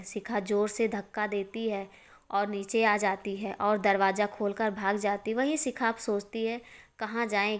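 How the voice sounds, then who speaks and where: A woman narrating a moral story in a steady, expressive storytelling manner. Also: medium pitch.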